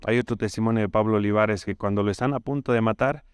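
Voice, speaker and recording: Bolivian preacher with a smooth voice. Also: male voice, on the low side, fairly even intonation, fast talker, no echo, faint music behind. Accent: Bolivian Spanish. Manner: storytelling with frequent tag questions. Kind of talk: sermon.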